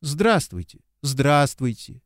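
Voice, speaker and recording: A man reading an audiobook, voicing a lively, bossy young woman who teases as she gives orders. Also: mid-range voice, slow pace, no echo, studio quality. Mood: chirpy. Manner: chirpy, playfully commanding.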